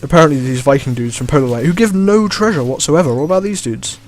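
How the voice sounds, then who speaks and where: A man's voice: a little high, quick pace. Easygoing man narrating his gameplay. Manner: relaxed, chuckling, trailing "I guess". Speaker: let's play host. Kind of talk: gameplay commentary. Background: faint game music.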